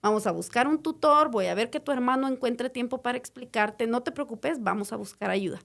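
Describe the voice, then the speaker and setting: A woman's voice: a little high, a little fast, gravelly, a bit bright. A woman, a mother and podcast co-host, explaining at length with tag questions and restarts. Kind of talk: casual podcast chat.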